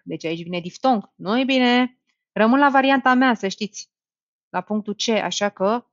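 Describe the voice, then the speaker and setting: Woman teacher going thru exam answers, chatty and lively, dry close sound, a bit dull. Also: mid-range voice, no echo. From Romania. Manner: lively, talks to students directly, thinks aloud. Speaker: Romanian language teacher. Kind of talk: exam-prep lesson.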